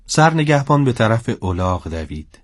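A man narrating a story in a steady, scripted storybook style. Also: medium pitch, dry recording, studio quality.

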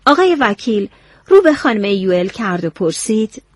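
A woman narrating a novel in a storytelling, expressive way. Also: mid-range voice, dry recording.

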